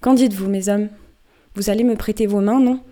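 A woman voicing an obsessed, vengeful old male sea captain in a dark, low, declaiming voice, reading from a storybook. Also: steady tone, a little fast, lightly acted. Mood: raging.

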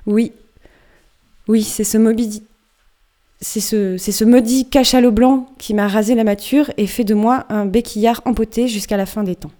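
Woman reading as an old sea captain, vengeful, low declaiming voice, dark tone, storybook reading. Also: steady tone, moderate pace, close to an everyday voice. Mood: raging.

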